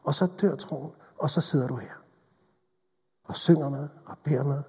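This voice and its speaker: A man preaching a sermon in a church hall, earnest and pleading, moving between hushed and urgent delivery. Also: fairly high pitch, fairly even intonation, husky. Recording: long reverb of a large hall.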